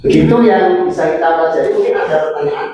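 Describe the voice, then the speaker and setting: A man's voice: a little high, quick pace, dark tone, roomy sound, slight background noise. A man lecturing a university class, mixing Arabic phrases into his Indonesian and quizzing his students.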